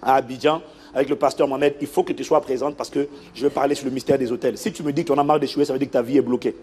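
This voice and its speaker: A man preaching a sermon as a pastor, telling a story in an animated way and acting out the people in it. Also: mid-range voice, very fast, a little hiss or hum. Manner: animated storytelling, acts out the people in his stories.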